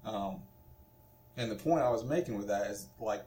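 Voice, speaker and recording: A man in his late twenties talks loosely on a podcast, stringing thoughts together with plenty of fillers. His voice sits low, and the room around him echoes. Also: normal speed, a little mellow. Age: 20s. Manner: rambling, filler-heavy, laughs easily. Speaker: podcast co-host. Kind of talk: casual podcast chat.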